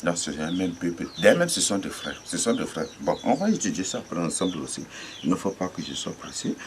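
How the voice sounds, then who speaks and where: A man gives an informal Bible teaching, repeating himself, pausing, and spelling words out letter by letter. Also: deep voice, big pitch swings, noisy background. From Chad. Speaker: religious teacher.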